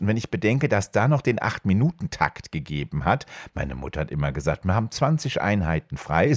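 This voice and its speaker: A middle-aged man hosting a podcast, telling stories in a casual chat and jumping high in pitch when he quotes people. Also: dry recording, clean studio sound. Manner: animated, jumps high when quoting others. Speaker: podcast host. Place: home studio.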